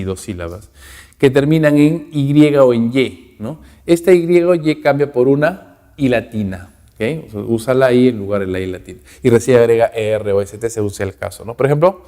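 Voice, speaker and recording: A man's voice: medium pitch, dark tone. A man teaching English grammar in a recorded lesson, explaining in Spanish and giving English example words with their translations, checking in with "ok?" after almost every point. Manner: rhythmic, repeats each word with its translation. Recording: long reverb, roomy.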